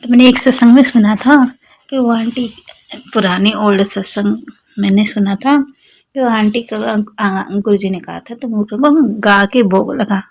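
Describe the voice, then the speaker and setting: A young woman with a Delhi Hindi accent and a slightly sore throat, sharing a devotional testimony with fervent, personal warmth as she speaks directly to the congregation. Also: mid-range voice, measured pace, husky. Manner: addresses listeners as sangat ji, fervent and personal. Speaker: devotee sharing satsang experience.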